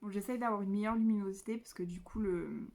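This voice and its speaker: A woman's voice: mid-range voice, steady tone, fast, a little mellow. A young woman chatting casually about books she read, hesitant with many fillers and restarts. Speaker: book vlogger. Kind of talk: casual book review. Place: indoors at home by a window.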